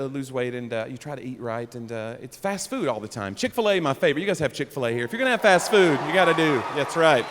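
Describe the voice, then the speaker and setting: A young man performing a stand-up comedy set, animated and breaking into loud character bits. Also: sits high. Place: comedy club stage. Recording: live room with long reverb, faint crowd noise.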